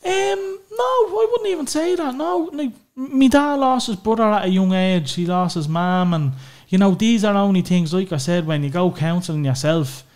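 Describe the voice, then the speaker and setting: An Irish man with a high, darkish voice speaks as a podcast guest, opening up about his family. He's candid and emotional, swearing freely and filling his talk with plenty of "you know"s.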